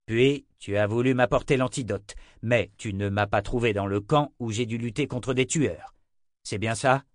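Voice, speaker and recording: A man's voice: medium pitch, moderate pace, no echo, clean studio sound, natural voice. A man reading an audiobook voices a blunt, irritable hero summing things up. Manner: blunt, questioning.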